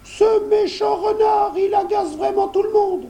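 A mischievous little squirrel chatters in a very high, squeaky voice with a gravelly crackle, slow and teasing, from a children's storybook, as a male narrator puts him on. The tone is dark and muffled despite the height. He sounds pleased with his own cleverness. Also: steady tone, full character voice. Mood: sly. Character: sly mischievous squirrel, small and quick-witted.

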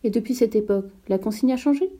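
A woman reading aloud and voicing a gentle, curious little boy who asks earnest questions. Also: a little high, quick pace, close to an everyday voice.

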